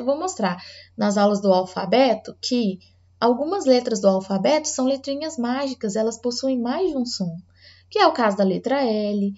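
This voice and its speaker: A woman teacher from Brazil explaining an early reading lesson to parents, patient and explanatory, sometimes slowing down to read words aloud. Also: fairly high pitch, a little mellow, highs cut off.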